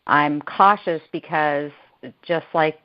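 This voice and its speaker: Blunt low-voiced woman calling in. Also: fairly even intonation, takes it slowly, dull audio. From Florida. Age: 30s. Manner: blunt and outspoken. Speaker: caller. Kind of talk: casual conference call chat.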